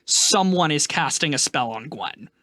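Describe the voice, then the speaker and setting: A man narrates a tabletop game as game master. He talks in a loose, chatty way with plenty of laughter. His pitch swings widely, and the sound is dry and close. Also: animated, a little slow, bright, forceful tone, no echo. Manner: laughs often, casual filler-heavy narration.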